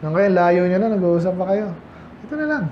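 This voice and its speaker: A man's voice: sits high, lively intonation, a little fast, a little hiss or hum. A man with a Filipino accent preaching a sermon as pastor, talking in a conversational way and reading Bible verses in English. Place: church hall. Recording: echoey church, dull lo-fi sound.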